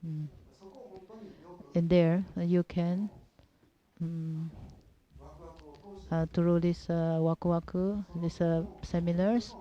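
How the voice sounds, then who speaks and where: A woman from Japan with a Japanese accent giving an informal religious teaching talk in halting, simple non-native English, repeating her phrases. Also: fairly low pitch, flat delivery. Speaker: religious seminar speaker. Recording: dull, muffled lo-fi audio.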